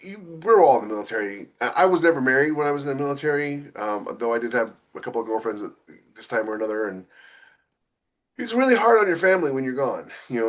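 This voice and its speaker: A medium-pitched man, a novelist and podcast co-host, talks casually about his own books in an informal podcast style. He thinks aloud, stopping and restarting as he builds his points, and often repeats a phrase before moving on.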